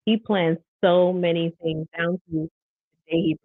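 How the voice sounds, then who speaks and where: A woman's voice: fairly low pitch, steady tone, measured pace, no room sound. Woman co-host, tinny phone-like audio. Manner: reflective, many "you know" fillers. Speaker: podcast co-host. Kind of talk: casual live podcast chat. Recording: tinny phone-like dry sound.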